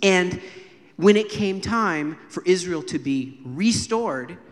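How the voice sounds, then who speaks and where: Animated male preacher in a reverberant church. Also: high-pitched, slow pace. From United States. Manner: animated, acts out quoted voices and jokes with the congregation. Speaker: guest preacher. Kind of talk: sermon with storytelling. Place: church sanctuary during a live service. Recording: long hall reverb in church.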